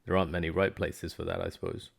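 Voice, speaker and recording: A man doing a wry, gravelly exile. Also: sits low, level tone, fast, exaggerated voice. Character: blunt foreign male exile, wry.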